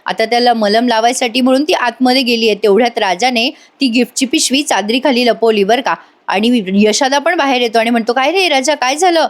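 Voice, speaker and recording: A woman's voice: a little high, a little fast. A woman hosting a casual voice-over recap, telling the story in a chatty way and speaking directly to viewers. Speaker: serial review host.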